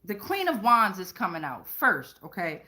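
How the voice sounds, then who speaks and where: A woman hosts a casual tarot livestream, addressing viewers directly in an emphatic, slangy, profane style and frequently checking in with tag questions. Her mid-range voice swings hugely in pitch and has a sharp tone, at a normal speed.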